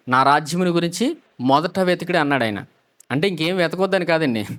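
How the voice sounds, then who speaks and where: Pastor guy preaching, high voice, keeps asking the crowd questions and repeating stuff. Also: a bit bright. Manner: call-and-response questions to the congregation, repeating key phrases. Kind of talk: sermon.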